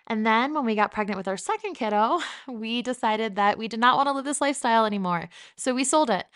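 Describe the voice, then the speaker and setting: A woman's voice: on the high side, a bit bright, smooth. A woman in her thirties from New Jersey, hosting her own podcast in a chatty, upbeat and candid solo monologue. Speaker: podcast host.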